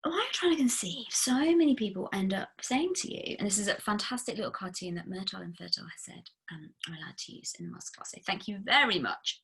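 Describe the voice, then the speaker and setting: A woman with a husky, slightly breathy voice talks her way through a relaxed masterclass. She coaches in a chatty, emphatic manner, full of "like"s and frank, blunt asides, and her pitch sits in the middle of the range. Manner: chatty and emphatic, frequent "like" fillers. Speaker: fertility coach. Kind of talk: casual recorded masterclass talk.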